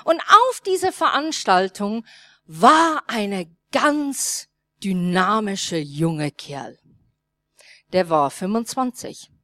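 Taking it slowly, a medium-pitched woman pastor in her 30s or older weaves a personal story into her sermon. She acts out the dialogue with lively storytelling and makes minor non-native grammar slips; the recording is dry.

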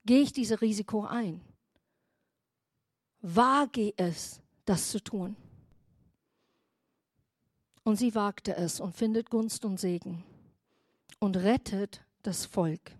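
A woman pastor giving a sermon who retells Bible stories in a lively, emphatic way. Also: mid-range voice, takes it slowly, long pauses, no room sound, clean studio sound.

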